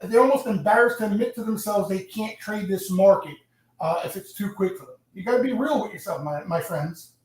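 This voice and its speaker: A man's voice: high-pitched, brisk. A man from Long Island hosting a trading stream, giving blunt, profane market commentary full of fillers. His voice sounds like it is in a cave. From Long Island, New York. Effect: cave-like echo, far from the mic. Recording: cavernous echo, distant mic.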